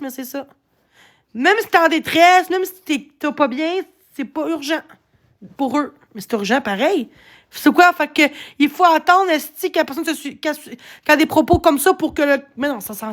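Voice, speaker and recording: A woman's voice: sits high, a bit bright. A woman with a Québécois French accent talking on a live stream, agitated and rambling, swearing often as she complains. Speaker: livestreamer. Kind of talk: casual live-stream rant.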